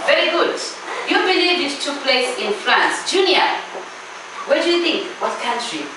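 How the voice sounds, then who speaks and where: Picked up by a distant mic in a reverberant classroom with clear background noise, a woman with a Zimbabwean accent questions her primary pupils. Her high voice has lively intonation and a normal speed. She insists on repeating each question and its answer.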